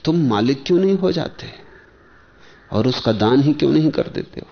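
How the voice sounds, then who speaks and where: Gravelly man giving a spiritual discourse. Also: mid-range voice, lively intonation, slight background noise. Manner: measured, in short phrases with pauses and rhetorical questions. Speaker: spiritual teacher. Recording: dull lo-fi archival lecture tape.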